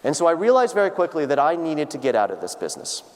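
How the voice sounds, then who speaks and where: A man in his thirties gives students a personal, earnest lecture, often restarting sentences with fillers. His voice is a little high, very animated and quick, with long reverb from the large lecture hall.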